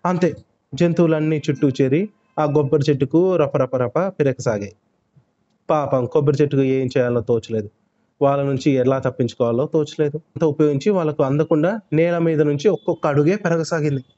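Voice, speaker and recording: Expressive male children's storyteller. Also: fairly high pitch, brisk. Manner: expressive, lively sound words. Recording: muffled lo-fi recording.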